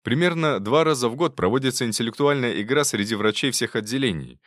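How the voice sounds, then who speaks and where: A man's voice: medium pitch, animated, fast, fairly bright tone, no echo, clean studio sound, voice pushed up, natural voice. Man voicing eager young male doctor. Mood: explaining.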